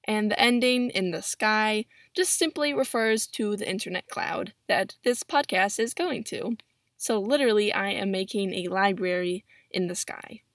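A woman's voice: mid-range voice, moderate pace, a bit bright, no echo, studio quality. A seventeen-year-old young woman hosting a solo podcast in a chatty way, recorded on a laptop microphone in a pillow-padded closet. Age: 17, teenager. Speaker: podcast host. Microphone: built-in laptop microphone.

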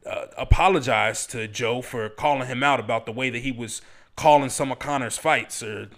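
A man's voice: medium pitch, normal speed, creaky, fairly bright tone. A man giving casual, opinionated fight commentary in a blunt, profane, rambling way. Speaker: MMA commentator.

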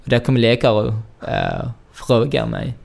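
Gravelly young man. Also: mid-range voice. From Syria. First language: Arabic. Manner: animated, laughing storyteller with broken Swedish. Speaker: guest. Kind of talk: storytelling interview.

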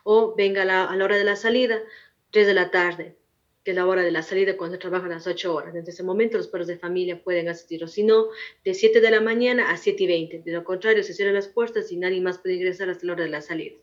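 A woman's voice: lowish voice, fairly even intonation, quick pace. A woman in her forties, a veteran teacher, answering interview questions in a firm, repetitive, explaining manner. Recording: muffled lo-fi recording.

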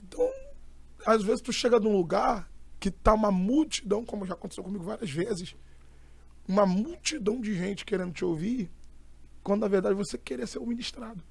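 A young Brazilian man, an itinerant preacher, telling a story in an animated, emphatic way. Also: sits high, fairly quick, creaky, slightly rough. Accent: Brazilian Portuguese. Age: young adult. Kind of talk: casual storytelling chat.

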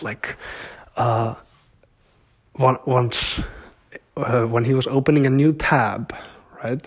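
A young man keeps a casual video diary, speaking straight to his viewers at a middle pitch. He rambles through his stories, leans on filler words and laughs now and then. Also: a little mellow. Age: young adult. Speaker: vlogger.

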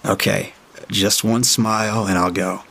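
A man's voice: lowish voice, steady tone, measured pace, creaky, fairly bright tone, full character voice. A man voicing a pushy, tipsy young man who wheedles and leers in a story reading. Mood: wheedling.

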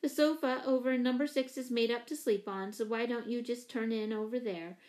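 A woman reading aloud, voicing a kind but firm mother who speaks gently and with care. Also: a little high, fairly even intonation, fairly quick, close to an everyday voice. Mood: kindly.

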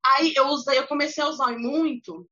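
Brazilian woman hosting a podcast, a bit high voice, chatty, dull lo-fi remote sound. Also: fairly even intonation, pushed and bright. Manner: chatty, quick back-channels. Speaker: podcast host. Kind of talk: casual chat.

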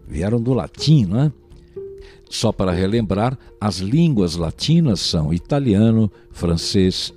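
A man's voice: low voice, darkish tone. A man with a Brazilian Portuguese accent giving a recorded language lesson, explaining patiently and often checking in with the listener. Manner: patient, explanatory, keeps asking "né?". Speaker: language teacher.

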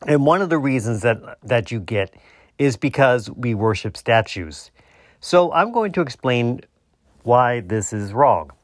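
A man hosting a solo debunking podcast, explaining his points haltingly and often rewording himself mid-sentence. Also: medium pitch, sing-song, no echo, studio quality. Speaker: podcast host.

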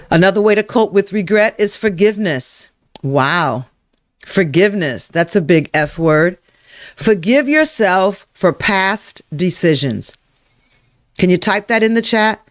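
A workshop leader running a live self-help session, speaking to viewers by name, repeating affirmations slowly and guiding breathing exercises. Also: mid-range voice, no room sound, clean studio sound. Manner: slow, emphatic, repeats affirmations and guides breathing. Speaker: emotional wellness workshop leader.

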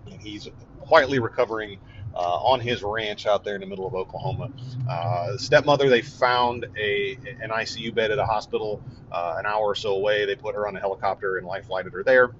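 A man giving a casual, earnest update, halting with many fillers and restarts. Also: lowish voice, a bit bright. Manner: earnest and relieved. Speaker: vlogger giving a family update. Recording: dull lo-fi audio with faint vehicle noise.

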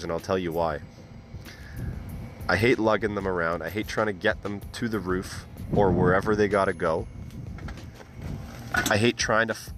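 A man with a low voice records a casual podcast intro outdoors on a rooftop. He rambles along informally as the host, talking straight to his listeners, with some music in the recording. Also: a bit bright. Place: outdoors on a rooftop at a job site.

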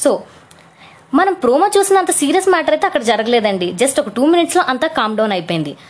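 High-voiced woman podcast host. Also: big pitch swings, quick pace. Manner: chatty, mixes English words into her talk, reads quotes with raised voice. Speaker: podcast host recapping a reality show. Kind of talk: casual storytelling recap.

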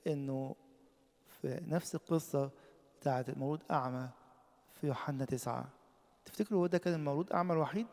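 A man with an Egyptian Arabic accent preaching a sermon, impassioned, swinging from loud emphatic peaks to quiet low lines. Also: long reverb tail.

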